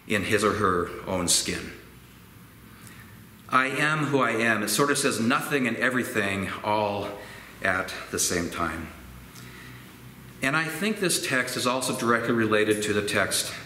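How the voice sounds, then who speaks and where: Slow, reflective older pastor in echoey church. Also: male voice, lowish voice. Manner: slow, gentle and reflective, with expressive hand gestures. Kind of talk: sermon. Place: church sanctuary with organ pipes. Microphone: fixed camera at medium distance. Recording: roomy church echo, faint ambient noise.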